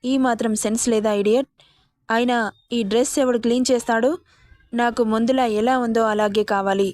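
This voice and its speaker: In a story reading, a woman reads out a rude, commanding young man who scolds and gives orders. The voice stays fairly high and sits close and dry, with no room sound. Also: steady tone, moderate pace, a little mellow, no room sound, close to an everyday voice. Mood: scolding.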